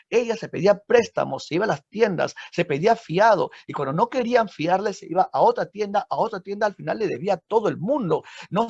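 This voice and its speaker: A man's voice: high-pitched, creaky, breathy edge, dry recording. A man with a Peruvian accent, a literature teacher telling a story as a dramatic lecture, with frequent tag questions to his listeners. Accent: Peruvian Spanish. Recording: dull lo-fi recording.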